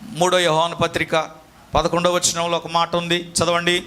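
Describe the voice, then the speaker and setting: A man's voice: on the high side, completely flat delivery, normal speed, sharp tone, clear, resonant tone. A man preaching a sermon as pastor, calling on the congregation to answer and scolding them in asides.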